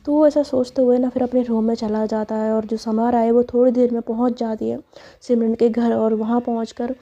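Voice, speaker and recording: A woman's voice: a little high, flat delivery, fairly quick, mellow. A woman narrating a serial love story in a conversational, filler-heavy way, on a dull lo-fi recording.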